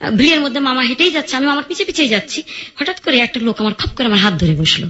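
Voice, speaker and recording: A woman tells her life story as a radio guest. She is lively and acts out the voices of the people in it. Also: high-pitched, fast talker, muffled recording.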